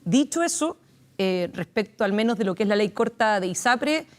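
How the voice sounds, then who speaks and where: A woman with a Chilean accent, a constitutional lawyer, speaking on a studio panel in a measured way with frequent restarts. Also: mid-range voice, animated.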